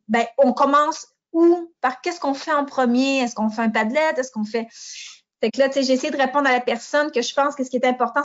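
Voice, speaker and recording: A woman with a Quebec French accent co-hosting a teachers' webinar in a chatty, informal way. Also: a little high. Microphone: video call. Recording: dull lo-fi online call audio.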